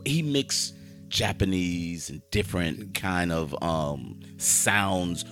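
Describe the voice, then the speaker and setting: A middle-aged man from the Bronx hosting a casual chat, expressive and quick to chime in. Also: sits low, faint music behind. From the Bronx, New York. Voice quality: expressive, interjects often.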